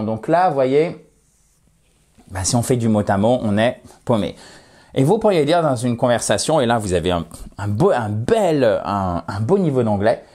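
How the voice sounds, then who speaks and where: A French-speaking man teaching English phrases to the camera, lively and emphatic. He switches between quick explanations and slow, stressed English examples. His voice sits at an ordinary middle pitch.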